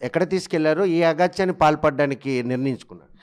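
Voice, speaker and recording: A male news reporter asking formal, halting questions in an interview. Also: fairly high pitch, a little mellow.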